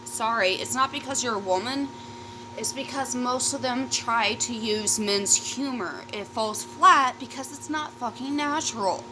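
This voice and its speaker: A woman YouTube vlogger eats while telling a casual, rambling storytime, swearing, often trailing off and interrupting herself. Her voice is on the high side and unhurried, with background noise behind her.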